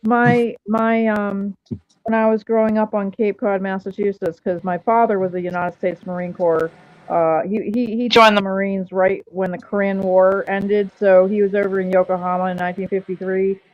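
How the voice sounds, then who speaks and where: Halting woman in her fifties, muffled. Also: mid-range voice, little pitch movement, dry recording. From Japan. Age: 50s. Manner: halting, many fillers and restarts. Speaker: guest. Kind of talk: casual talk show interview.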